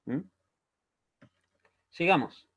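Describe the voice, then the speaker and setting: A man's voice: very slow, a bit bright. A man teaching a recorded language lesson, explaining step by step and checking in with a frequent "¿ya?". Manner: patient, checks understanding with a frequent "¿ya?". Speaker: Hebrew teacher.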